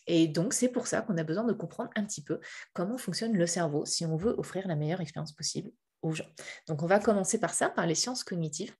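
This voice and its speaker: A woman's voice: fairly low pitch, animated, brisk, a little mellow, breathy edge. A middle-aged woman from Paris giving a public talk over a video call from a hotel room, hesitant and full of fillers and restarts. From Paris, France. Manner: hesitant, many fillers and restarts, light laughs. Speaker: guest speaker on game user experience.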